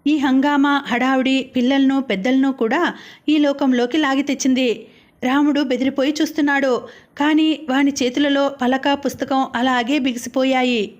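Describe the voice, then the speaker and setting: A woman reads a novel aloud in a high, clear voice. She tells the story expressively and voices each character herself. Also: fairly even intonation, normal speed, dull audio. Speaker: audiobook narrator. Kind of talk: novel reading.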